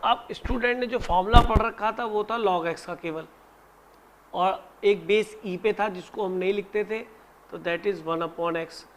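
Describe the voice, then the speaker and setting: A man teaching a maths lesson in Hindi, dictating formulas slowly and teasing inattentive students with joking asides. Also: high-pitched, slight background noise. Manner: slow, spelled-out dictation of formulas. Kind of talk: classroom lecture.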